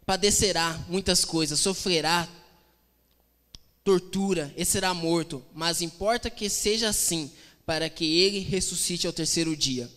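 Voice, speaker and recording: A man's voice: a little high, measured pace, a bit bright, big-room sound. A man voicing a firm, blunt Jesus who gives curt commands.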